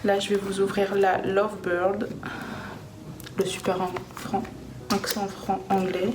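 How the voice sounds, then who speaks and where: A woman's voice: medium pitch, completely flat delivery, normal speed. A woman chatting casually through a makeup haul, hesitant and full of fillers, recorded at home. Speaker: beauty vlogger. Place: home room with a cat nearby. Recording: echoey room with background noise.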